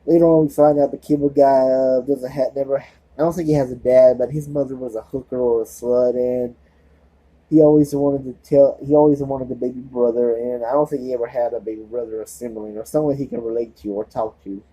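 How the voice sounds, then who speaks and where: A man's voice: mid-range voice, steady tone, fairly quick, mellow, poor audio. A man with a lisp giving a casual movie review, rambling and often losing track and starting over.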